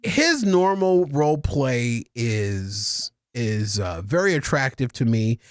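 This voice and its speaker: A man co-hosting a casual podcast, ranting excitably and swinging from mumbled asides to shouted outbursts. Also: mid-range voice, slow, no room sound, studio quality. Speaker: podcast co-host.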